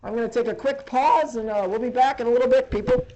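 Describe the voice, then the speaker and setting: Standing outdoors by a door in a rainstorm, a high school baseball broadcaster gives informal, rambling rain updates. His voice is very high-pitched, fast and dark in tone. The muffled audio comes from a handheld dictaphone-style recorder with clear noise.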